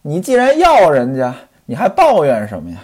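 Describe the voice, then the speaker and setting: A man's voice: fairly high pitch, huge pitch swings, normal speed, a little mellow. A man voicing a rich, blustering male patron who teases and scolds his friend. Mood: teasing. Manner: teasing, scolding.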